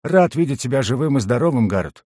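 A man's voice: medium pitch, animated, fast, dark tone, dry recording, pitched above the performer's own voice, natural voice. Cast: a man as an eager old pal from the streets, voice swinging up and down, dry sound. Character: nervous male street kid turned friendly adult.

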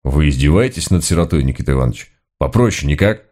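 A man's voice: a bass voice, expressive, fast talker, a little mellow. A man voicing a simple-hearted young male deputy who talks in a plain, folksy, good-natured way. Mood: cheerful.

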